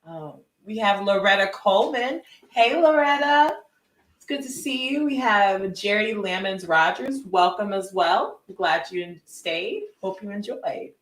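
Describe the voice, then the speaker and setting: A woman's voice: mid-range voice, animated, a little slow. An older woman co-hosting a live stream, cheerfully greeting viewers by name and laughing often. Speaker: co-host. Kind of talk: live-stream shout-outs. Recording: echoey room, far from mic, faint noise.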